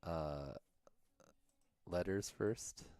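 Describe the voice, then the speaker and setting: Mellow-voiced man going over race standings. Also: sits low, very slow, dry recording, studio quality. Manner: thinks aloud, mumbles. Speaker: livestream co-host.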